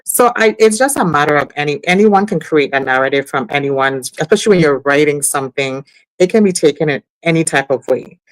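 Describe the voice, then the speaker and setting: A woman's voice: low voice, expressive, fairly quick, no echo, low-quality recording. A woman, co-hosting a talk show with casual, conversational commentary. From US Virgin Islands.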